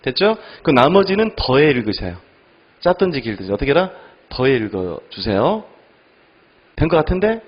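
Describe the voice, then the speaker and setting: A male English teacher giving an online exam-prep lecture, firing quick questions at students and answering them himself. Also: highs cut off. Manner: animated, lively pitch.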